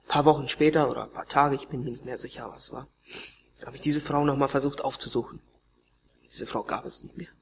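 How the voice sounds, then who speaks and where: A man preaching a sermon and telling his own story, emotional, swinging between raised pleading and hushed, almost whispered passages. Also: mid-range voice, fairly even intonation, a little fast, vocal fry. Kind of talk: sermon testimony.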